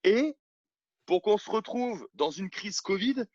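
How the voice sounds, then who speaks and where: A man's voice: high-pitched, expressive, takes it slowly, darkish tone, no room sound. A man from France talks from his sofa at home into his own camera, giving outspoken opinions in an interview. His delivery is blunt and emphatic, full of restarts and fillers. The sound is dry and a little muffled. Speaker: CrossFit coach and gym owner.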